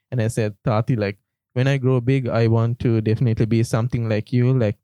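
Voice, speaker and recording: A young man from Sri Lanka, a university student, co-hosts a casual faith podcast, chatting easily and saying "like" a lot. His voice is fairly low, and the rough recording has no echo.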